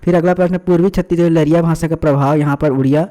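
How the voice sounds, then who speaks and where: Man explaining an answer key, mellow. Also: a little high, fairly even intonation, fast talker. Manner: addresses viewers as friends, many fillers and repetitions. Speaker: exam tutor.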